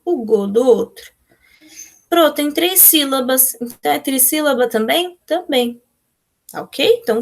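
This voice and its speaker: A Brazilian woman teacher talking pupils through textbook exercises step by step, patient and explaining, answering questions they might ask. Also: a little high. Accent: Brazilian Portuguese. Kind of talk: remote class walkthrough of textbook exercises.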